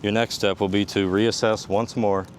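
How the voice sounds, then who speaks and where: A man's voice: lowish voice, little pitch movement, normal speed, slight background noise. A man working as a combat medic instructor, giving a hands-on demonstration and methodically explaining each step.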